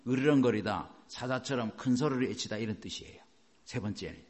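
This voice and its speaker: A man's voice: medium pitch, fairly quick. A man pastor preaching a sermon, emphatic and asking the congregation rhetorical questions.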